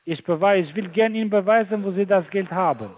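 A man on a phone scam call, talking haltingly with many fillers and broken grammar. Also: high-pitched. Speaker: phone scammer. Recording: tinny phone line.

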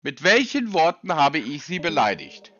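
A man's voice: a little high, sing-song, normal speed, sharp tone, dry recording. A man on a phone call, questioning a sales agent insistently and with sarcasm. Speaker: person being called by a sales agent.

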